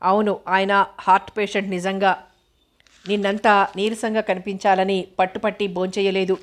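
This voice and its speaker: An anxious young woman speaks with a choked, worried voice, read by a woman narrator. The delivery stays flat and steady in this audiobook novel. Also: mid-range voice, normal speed, lightly acted.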